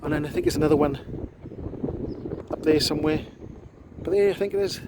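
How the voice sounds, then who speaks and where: A man's voice: a little high, fairly even intonation, brisk, noisy background. A man with a South Wales Valleys accent, chatting casually to a handheld camera outdoors in an informal vlog style. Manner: chatty, often tags remarks with "look". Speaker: vlogger reviewing an electric bike. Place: outdoors on paths in a park.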